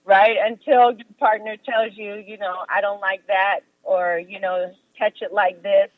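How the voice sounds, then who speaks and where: Calling in on speakerphone from her car while driving, a massage practitioner speaks calmly and explains things as a guest in a casual interview. Her voice is medium-pitched and a little slow, carried over a tinny, dry phone line with no room sound.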